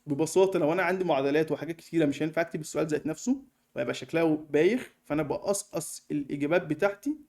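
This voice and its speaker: A young man with an Egyptian Arabic accent walking through a screen-recorded software tutorial in a fast, chatty way, with many fillers. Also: fairly high pitch, animated. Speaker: online course tutor.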